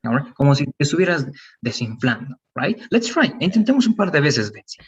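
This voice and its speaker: A man's voice: fairly high pitch, very animated, fairly quick, slightly rough, recorded from a distance, highs cut off. A man teaching an English pronunciation lesson, patient and encouraging, mixing Spanish explanations with English examples.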